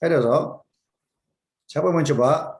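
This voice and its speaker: A man's voice: fairly high pitch, slow pace, crowd noise. A man teaching a casual online Japanese class, patiently repeating words for his students to echo.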